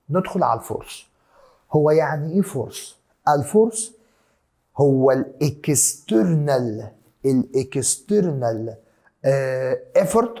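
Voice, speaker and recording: A man's voice: on the high side, dark tone. A man with an Egyptian accent teaching a science lesson, repeating key terms and mixing in English words. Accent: Egyptian Arabic. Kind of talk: classroom lesson explanation.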